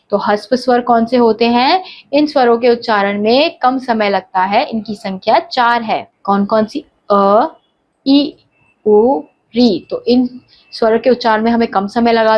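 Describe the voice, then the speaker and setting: Casting: female teacher, fairly high voice, walks through each point and answers her own questions, dull lo-fi sound. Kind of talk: Hindi grammar lesson. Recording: dull lo-fi recording.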